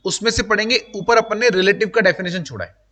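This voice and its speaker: A male teacher with a notably high voice, lecturing to a room of students. He talks to them directly and chattily, dropping English terms into his speech. The room rings with a long, lingering reverb. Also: fast talker, pushed and bright. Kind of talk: live classroom lecture. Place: classroom with students.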